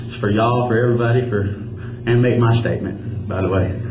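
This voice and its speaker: A man's voice: medium pitch, fairly even intonation, fairly quick. A man, a fighter, answering at a press conference with punchy, boastful talk. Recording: echoey, noisy room, distant mic, dull sound.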